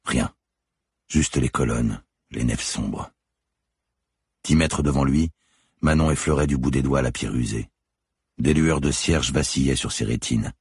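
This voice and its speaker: A man reading a suspense novel aloud in measured, deliberate narration. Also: extremely low pitch, husky, no echo, studio quality. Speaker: audiobook narrator. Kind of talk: scripted narration.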